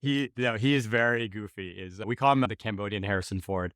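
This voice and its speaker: An American man hosts a podcast, talking in a loose, animated, rambling way and dropping the odd swear word. His voice sits somewhat low for a man. The sound is close and dry, with no room around it. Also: fairly quick, smooth, dry recording. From United States. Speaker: podcast host. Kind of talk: casual conversation.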